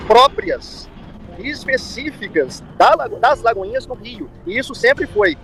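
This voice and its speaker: A man's voice: extremely high pitch, sing-song, unhurried, creaky, fairly bright tone. A man with a Brazilian accent giving commentary in an interview as a pastor, explaining with repetition and frequent tag questions. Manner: explanatory, repeats himself, seeks agreement with tag questions.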